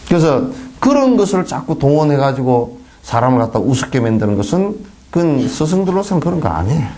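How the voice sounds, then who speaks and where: A fairly high-pitched man with a Gyeongsang Korean accent, a Buddhist monk, lectures on the dharma in a temple hall. The talk is folksy, full of rhetorical questions and imitated flattery.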